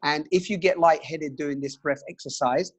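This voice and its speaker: A man with a slightly high voice guides listeners through a breathing exercise. He teaches gently and reassuringly, leaving pauses between short instructions. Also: husky.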